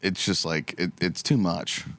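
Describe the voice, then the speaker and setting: A man's voice: sits low, measured pace, a bit bright, dry recording. A man in casual podcast banter who laughs often and peppers his talk with "dude" and "man". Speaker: podcast co-host.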